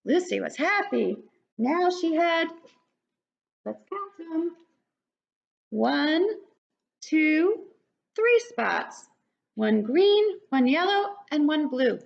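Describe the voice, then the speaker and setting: An older woman with a high, gravelly voice reads a picture book aloud to preschoolers from her living room, slow and expressive, speaking animatedly to young children. Her webcam sound is dull and lo-fi.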